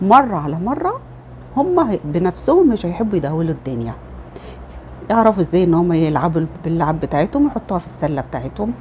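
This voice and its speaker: A woman's voice: on the low side, very animated, rapid-fire, a little mellow, slight background noise. A middle-aged Egyptian woman with an Egyptian Arabic accent, giving casual motherly advice in a chatty home vlog. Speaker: lifestyle vlogger.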